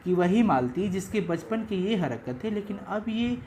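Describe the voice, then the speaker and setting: A male teacher explains a story to his students in a chatty, lively way. He breaks off now and then to check that they follow. A faint hiss sits under the voice. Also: high voice, a little slow, low-quality recording. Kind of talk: Hindi literature lesson explaining a story.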